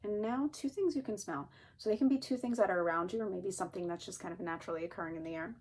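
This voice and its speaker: A woman therapist calmly and gently guiding listeners through a grounding exercise. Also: medium pitch, racing, slightly rough. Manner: calm, gently instructing. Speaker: therapist teaching a technique. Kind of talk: calm guided grounding exercise.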